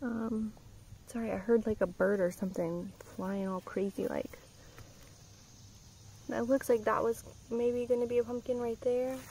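Chatty woman with a gravelly voice. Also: on the high side, fairly even intonation, measured pace, mellow, a little hiss or hum, poor audio. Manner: chatty, rambling, with frequent ums. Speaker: gardening vlogger. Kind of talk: casual garden tour walkthrough. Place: outdoor yard garden. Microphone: handheld phone camera.

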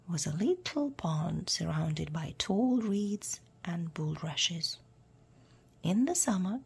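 Slow, gravelly, breathy woman storyteller. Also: medium pitch. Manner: hushed, half-whispered reading. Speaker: storyteller for English learners. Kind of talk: storybook read-aloud.

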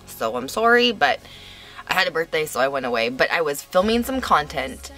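A woman's voice: low-pitched, sing-song, normal speed, a bit bright, rough recording. A young woman vlogger chatting casually while wearing a sheet mask on her face, rambling a little with fillers. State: talking through a sheet mask. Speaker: beauty vlogger. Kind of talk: casual product review. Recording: faint music behind.

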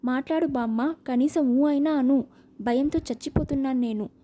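A woman voicing a spirited, proud young woman in a storybook reading, speaking in sharp, emotional bursts. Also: high-pitched, moderate pace, noisy background, close to an everyday voice. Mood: pleading.

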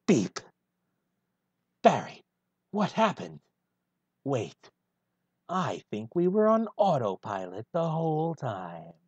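Gruff male hedgehog antihero voiced by a man, lively swings in pitch, dull dry home recording. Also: no room sound, exaggerated voice. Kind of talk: one-take fan voice reading of a film script.

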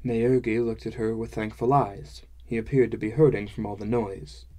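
A man narrating a fantasy audiobook in a measured, wry first-person style. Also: lowish voice, fairly even intonation, warm tone.

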